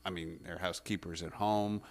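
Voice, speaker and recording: A man questioning from the bench as an appellate judge, skeptical and probing, in halting phrases. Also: deep voice, fairly even intonation. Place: courtroom.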